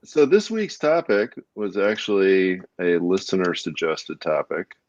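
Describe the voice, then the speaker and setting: Deep-voiced co-host from Northwest Minnesota, halting and laughing, dry dull recording. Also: male voice, sing-song, no room sound. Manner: laughs often, halting with many fillers. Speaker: podcast co-host. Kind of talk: casual chat. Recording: dull lo-fi sound.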